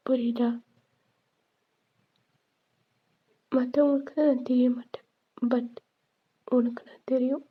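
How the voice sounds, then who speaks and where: Woman doing a soft whispering male ghost, steady and tender, whispered role-play, tinny phone-like line, high voice. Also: husky. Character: gentle male ghost comforting his grieving lover.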